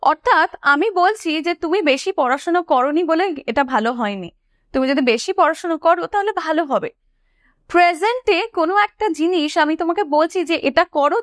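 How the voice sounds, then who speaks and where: A woman teaching an English lesson. She explains each point and asks her students questions, then slows down to say each English example sentence clearly. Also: very high-pitched, lively intonation, no room sound, clean studio sound. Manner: asks the class questions, then answers them. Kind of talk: classroom explanation.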